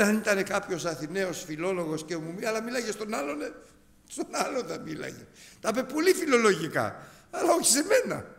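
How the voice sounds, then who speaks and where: A man in his fifties preaching a sermon to his congregation, animated and emphatic. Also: high-pitched, vocal fry. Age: 50s. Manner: animated, emphatic, addresses brethren. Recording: hall reverb.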